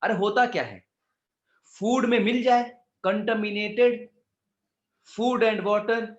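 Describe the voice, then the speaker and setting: A man speaks very slowly in a high-pitched voice, teaching exam prep in a relaxed, talkative manner. He calls students "beta" and adds jokes and asides. The room is echoey, leaving the sound slightly dull.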